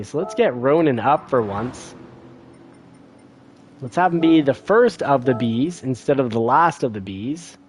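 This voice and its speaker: Chatty man over racing game noise. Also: on the high side. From Canada. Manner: chatty, thinking aloud, excitable at crashes. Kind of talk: casual gameplay commentary. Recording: audible car game noise behind voice. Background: racing game car sounds.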